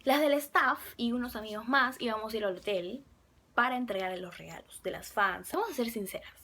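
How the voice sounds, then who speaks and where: A young woman casually telling a fan story to camera, chatty and excitable, sometimes dropping to a whisper. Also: on the high side, brisk. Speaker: fan vlogger.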